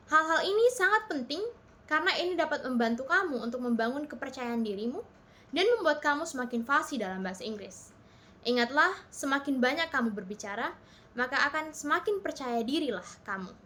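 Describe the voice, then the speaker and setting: High-voiced woman teaching English step by step. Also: fairly bright tone. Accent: Indonesian. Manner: explains step by step, switching between two languages. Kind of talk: bilingual spoken lesson.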